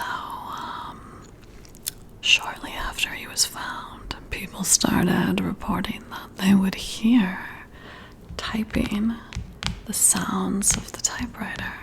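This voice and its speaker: In an ASMR roleplay, a woman with a mid-range voice plays a friendly but competitive female boss staying late at work. She speaks in a soft, breathy whisper, hushed and lightly teasing.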